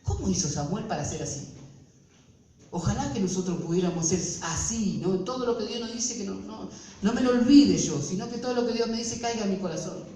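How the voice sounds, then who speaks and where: An Argentine pastor with a high voice preaching in a church, heard from a distance. He keeps throwing rhetorical questions at the congregation. The room echoes heavily and faint noise sits under him. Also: lively intonation, brisk, warm tone. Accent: Argentine Spanish. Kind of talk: sermon.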